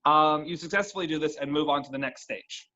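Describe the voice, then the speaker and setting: Guy dm'ing a dnd session, kinda high voice, dull lo-fi sound, keeps restarting his sentences. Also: fairly quick, bright, forceful tone. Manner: casual, restarts phrases. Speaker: dungeon master. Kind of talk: narrating a tabletop game.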